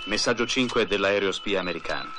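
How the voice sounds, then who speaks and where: A military radio officer whose terse, clipped report comes through a distant, noisy military radio. His voice sits low and the words come fast. Static and noise surround the transmission. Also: animated. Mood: curt. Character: adult male military radio officer, curt and dutiful. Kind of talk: dubbed film dialogue.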